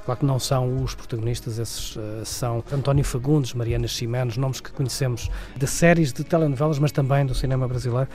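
A man's voice: mid-range voice, fairly even intonation, brisk. A man with a European Portuguese accent giving a conversational, wordy film review, often repeating and rephrasing as he goes. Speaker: film critic.

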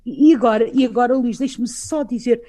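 A woman's voice: on the high side, moderate pace, crowd noise. A woman with a European Portuguese accent, a guest in a conversational literary discussion, explaining with animation and frequent tag questions.

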